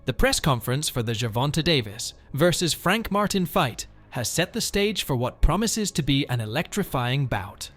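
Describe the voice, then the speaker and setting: Male narrator, mid-pitched, reading scripted sports news over faint music. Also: sing-song, normal speed, few pauses, fairly bright tone.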